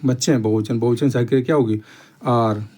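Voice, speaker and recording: A man's voice: mid-range voice, steady tone, dark tone. A man teaching a grammar lesson step by step, repeating each point and checking in often with the class. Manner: slow, repetitive explaining with frequent "theek hai" check-ins.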